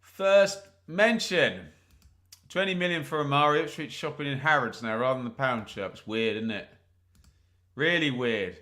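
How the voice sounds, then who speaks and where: A man from England calls a football match live for his watch-along viewers, chatting with them and dropping jokes and asides as play unfolds. His medium-pitched voice is expressive with a sharp edge, and he speaks at a normal pace.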